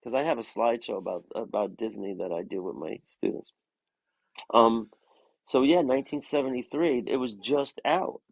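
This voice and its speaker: A man's voice: mid-range voice, lively intonation, moderate pace, creaky, no echo, rough recording. A man co-hosting a comics chat show and talking casually, rambling with lots of filler words. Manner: rambling, many "you know" fillers. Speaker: comics podcast co-host and art teacher. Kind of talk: casual conversation.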